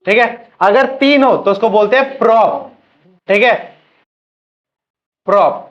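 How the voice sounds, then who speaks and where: In a muffled, lo-fi classroom recording, a man with a high voice teaches chemistry at a measured pace. He poses questions and repeats the answers so his students can drill them.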